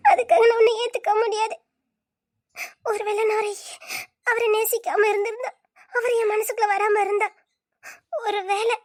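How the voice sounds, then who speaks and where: A woman voicing a young woman who tearfully and earnestly refuses a friend's love in an audio drama. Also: very high voice.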